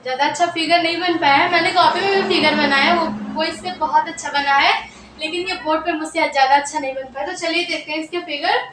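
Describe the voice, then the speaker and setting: A woman's voice: sits high, fairly even intonation, quick pace, noisy background. A woman teaching a biology class, repeating key terms and asking questions she then answers herself, and slipping English phrases into her talk. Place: room with a board. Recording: echoey room, mic at a distance.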